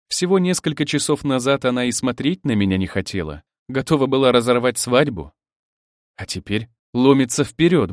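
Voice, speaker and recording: A man narrating a story in first person, telling it expressively and lively. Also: mid-range voice, dry recording, studio quality. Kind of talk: audiobook narration.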